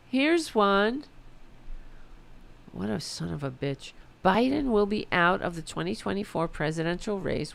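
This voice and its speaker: A woman with a low, raspy yet fairly bright voice hosts a political commentary show. She reads an article aloud and responds with sarcastic, profane indignation.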